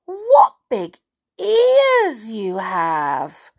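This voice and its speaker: A woman's voice: on the high side, huge pitch swings, drawn-out words, vocal fry, pitched above the performer's own voice, exaggerated voice. A woman voicing a sweet, innocent little girl in a storybook tale, with exclaiming, wide-eyed wondering delivery. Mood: concerned, wondering.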